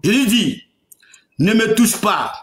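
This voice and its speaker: Man, high pitch, echoey room, heated religious debate, insistent, stutters and repeats. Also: lively intonation, fairly bright tone. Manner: insistent, repeats words, reads scripture slowly.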